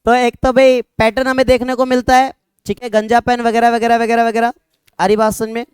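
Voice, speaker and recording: A man's voice: very high-pitched, little pitch movement, fairly quick, clear, resonant tone, no room sound. A young man teaching a classroom of students, talking casually, joking with them and checking often that they follow. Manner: conversational, repeats "ठीक है" often, jokes with students. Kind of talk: classroom lecture.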